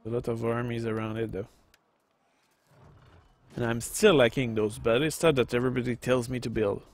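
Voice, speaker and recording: Speaking in a mid-range voice at normal speed with fairly even intonation, a Quebec French-accented man in his thirties hosts a gaming video. His casual let's-play commentary on a strategy game wanders, packed with fillers as he chats with viewers.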